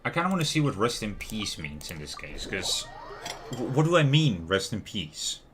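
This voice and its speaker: A man livestreams a video game with casual commentary, musing aloud and often trailing off to question himself. His voice is fairly low and sing-song at a normal speed, with background noise, lo-fi music playing behind him, and keyboard typing and clicks.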